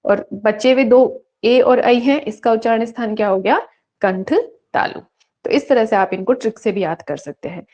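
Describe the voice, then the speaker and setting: A woman teaching an online Sanskrit exam-prep class who poses questions and answers them herself, reciting rules slowly. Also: a little high, a little mellow.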